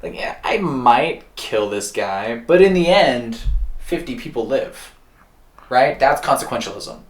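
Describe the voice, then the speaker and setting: A young man, a recent high school graduate, chatting as a podcast guest in a joking, sarcastic way. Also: expressive, measured pace. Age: young adult. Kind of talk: casual chat. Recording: echoey room.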